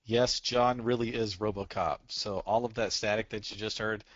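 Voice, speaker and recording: A man cutting into a webinar with quick, playful jokes. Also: fairly low pitch, fairly even intonation. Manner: joking, playful. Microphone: computer mic over an online call. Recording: dull, distant, dry call audio.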